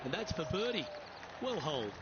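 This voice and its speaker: A man doing play-by-play golf commentary in measured, clipped phrases. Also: fairly high pitch, sing-song, dull audio, very noisy. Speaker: lead golf commentator in a video game.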